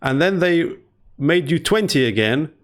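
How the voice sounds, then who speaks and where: A man in his forties hosts a remote interview over a video call. His voice sits a little high for a man, and he presses the guest with probing follow-up questions. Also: expressive, a little slow. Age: 40s.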